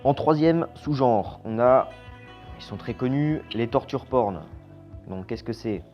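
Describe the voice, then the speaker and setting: A man giving a casual, opinionated horror film review. He is blunt and slangy, and his voice trails off quietly at the ends of phrases. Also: medium pitch, animated, unhurried. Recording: slightly dull lo-fi sound with faint music.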